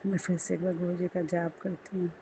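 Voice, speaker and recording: A woman shares a devotional testimony for the first time, speaking slowly and earnestly, then softly chanting a prayer. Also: on the low side, flat delivery, noisy background. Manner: slow, earnest, ending in soft chanting.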